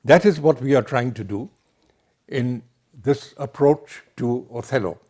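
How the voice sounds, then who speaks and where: A middle-aged man giving a university lecture on literature, slow and emphatic. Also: mid-range voice, dark tone. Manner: slow, deliberate, emphatic delivery.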